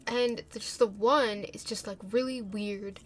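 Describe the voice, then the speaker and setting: A woman's voice: mid-range voice, steady tone, measured pace. A young woman in her twenties with a stuffy nose from a cold, ranting frankly to her camera in a casual vlog, rambling and mocking herself. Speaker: vlogger.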